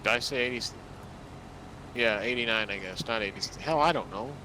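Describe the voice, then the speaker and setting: A man's voice: mid-range voice, normal speed, pushed and bright, poor audio. A man in his twenties chatting on a gaming livestream, easily flustered and self-deprecating. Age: 20s. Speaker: co-player on stream. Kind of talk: casual gaming livestream chat. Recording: game vehicle engine noise behind.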